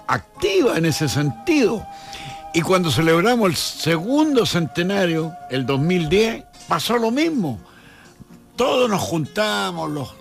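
A Chilean man, a historian, answering in a radio interview, thoughtful and often restarting his words. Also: a little high. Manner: hesitant, repeats words, reflective. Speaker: historian guest.

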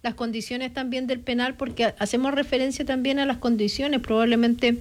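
A woman's voice: fairly high pitch, fairly even intonation, brisk, noisy background. A woman hosting a radio call-in interview, speaking to callers in a familiar, caring way. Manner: warm, addresses callers familiarly. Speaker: radio host.

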